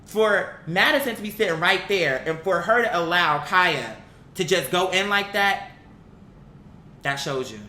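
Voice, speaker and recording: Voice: lively intonation, measured pace, sharp tone. A young adult commentator giving a blunt, exasperated opinion rant in casual, sweary language, repeating phrases for emphasis. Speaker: online commentator. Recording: echoey room with faint rumbling noise.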